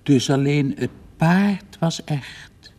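An older man voicing a pale, quiet little girl in a read-aloud story, raising his husky voice softly. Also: on the high side, takes it slowly, voice pushed up. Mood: timid, wondering. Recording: reverberant studio recording.

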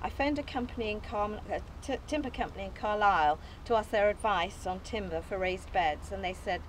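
Medium-pitched and a little fast, an older English woman gives an outdoor opening speech read from notes on an open field; she founded the allotment group. Her manner is earnest and modest, with small hesitations and light laughs. Faint background noise is audible, and a camera at a distance records her without a mic.

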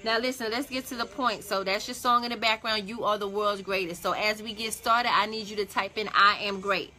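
A woman hosting a motivational livestream, greeting viewers and giving an energetic, preacherly pep talk with lots of repetition. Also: medium pitch, brisk. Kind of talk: live-stream pep talk.

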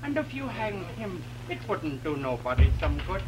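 High, halting folksy clown, early talkie film. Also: male voice, very animated, over music. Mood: earnest pleading. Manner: halting, folksy, ungrammatical, repeating himself. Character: kindly, pleading circus clown, stubborn lone juror. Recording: noisy 1920s film soundtrack with hum.

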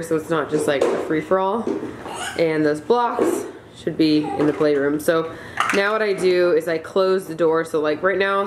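A woman's voice: fairly low pitch, noisy background. Chatty young woman narrating her chores. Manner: chatty, friendly, filler words like "like". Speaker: home vlogger. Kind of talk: casual voice-over narration.

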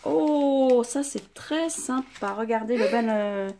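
A woman's voice: a little high, takes it slowly, creaky, mellow, a little hiss or hum. An older woman hosting a craft channel, chatting and gushing over gifts at home, recorded on a phone. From France. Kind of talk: casual unboxing chat.

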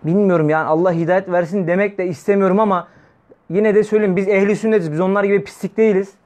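A man delivers a weekly religious talk in a high, tenor voice. He preaches in a fiery, scolding way and keeps throwing rhetorical questions at the listeners. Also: steady tone, fast talker, a little mellow.

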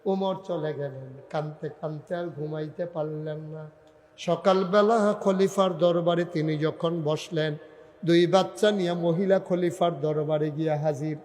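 A man, preaching a storytelling sermon in a sing-song style that swells into wailing shouts. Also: fairly high pitch, fairly even intonation, measured pace, big-room sound.

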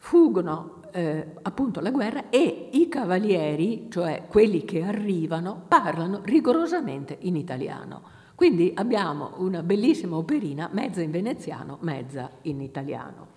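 A woman from Italy gives an academic lecture in a low, mellow voice, pausing often with fillers as she gathers her thoughts. Her words ring with long reverb from a lecture hall. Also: very animated. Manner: hesitant, many fillers, reads quotations aloud. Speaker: university lecturer.

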